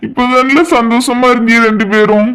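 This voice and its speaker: Cartoon young guy, calm and steady, mid pitch, voiced by the actor. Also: brisk, smooth, close to an everyday voice. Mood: reassuring. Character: young man friend, calm and reassuring.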